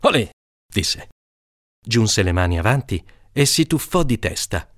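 A man reading a literary short story aloud in a measured, calm voice, lifting into high voices for the children's shouts. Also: no echo, clean studio sound. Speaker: audiobook reader.

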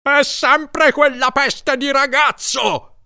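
A man's voice: lowish voice, moderate pace, gravelly, pushed and bright, exaggerated voice. A man voicing an exasperated young man who rants and roars in a storybook reading. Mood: furious. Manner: ranting, exasperated. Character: irate young man shouting in panic.

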